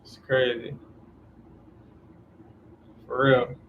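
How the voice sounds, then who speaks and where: A man's voice: mid-range voice, little pitch movement, drawn-out words, narrow, tinny audio, slight background noise. A man in his twenties hosting a casual live stream Q&A, talking in a laid-back way, reading viewer questions and giving relationship advice. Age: 20s. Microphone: camera on auto-tracking mount.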